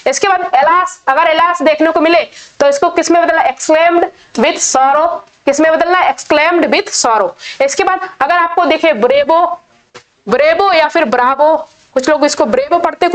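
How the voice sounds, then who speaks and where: A woman teaching an English grammar lesson in Hindi, patiently repeating each rule. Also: sits high. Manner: slow, patient, repeats key points.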